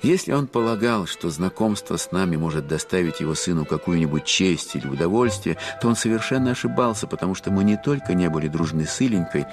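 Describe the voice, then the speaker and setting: An actor playing a grown man wistfully recalling his boyhood, in reflective, measured literary narration. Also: low-pitched, lively intonation, music in the background.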